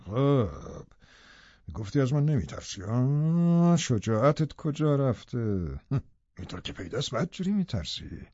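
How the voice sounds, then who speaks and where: A man's voice: medium pitch, sing-song, mellow, dry recording. A man voicing a cruel, scornful middle-aged captor in an audiobook, speaking in a taunting, cutting way. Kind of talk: audiobook character reading. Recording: dry, slightly dull studio audio.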